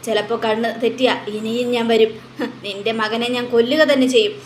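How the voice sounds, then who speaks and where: A woman's voice: on the high side, steady tone, fairly quick, slight background noise, natural voice. A woman voicing a vicious young woman villain who makes defiant threats, in a storybook retelling. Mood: threatening. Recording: echoey room.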